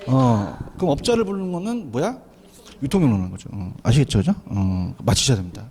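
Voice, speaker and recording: A man giving an exam prep lecture, animated, often asking students to repeat after him. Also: mid-range voice, a little fast, breathy edge. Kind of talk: classroom lecture.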